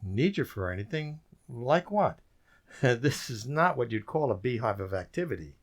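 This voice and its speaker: In a community theater radio drama mixing narration and dialogue, a man plays a weary, wry government code breaker reflecting on his story. His medium-pitched voice swings widely in pitch at a measured pace, with a wry, resigned mood. The stage recording is roomy, distant, and noisy.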